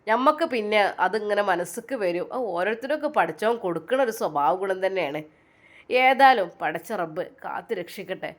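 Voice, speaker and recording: A woman voicing a pious older mother, speaking gently and reassuringly in a storybook tale. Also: medium pitch, expressive, a little fast, lightly acted.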